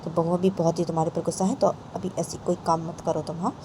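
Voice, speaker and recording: A stern yet caring aunt firmly warns her niece, voiced by a woman telling a story. Her tone is mellow and steady, a bit low. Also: quick pace, slight background noise, natural voice. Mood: admonishing. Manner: admonishing, firm. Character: stern but caring middle-aged aunt.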